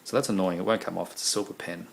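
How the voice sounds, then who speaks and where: Rapid-fire and creaky, a man's low, steady voice carries a rambling show-and-tell of his video collection, thick with ums and uhs. He is losing his voice, and the home recording picks up a lot of noise.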